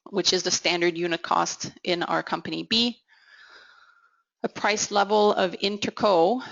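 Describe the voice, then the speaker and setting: A woman with a low-pitched voice and gravelly fry, a technical consultant, narrates a software demo in a measured way. It's an instructional walkthrough voice-over for a screen recording, captured as dull, lo-fi audio.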